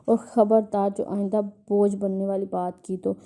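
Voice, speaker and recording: A woman reading a gently scolding motherly woman. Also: mid-range voice, flat delivery, natural voice. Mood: tender. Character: caring motherly middle-aged woman.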